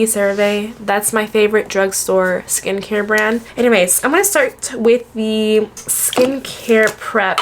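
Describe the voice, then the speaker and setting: A woman's voice: a little high, slight background noise. Chatty young woman with a lilt. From Alabama, US. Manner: chatty, rambling, self-correcting. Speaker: beauty vlogger. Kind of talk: casual makeup tutorial chat. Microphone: camera on a makeshift tripod.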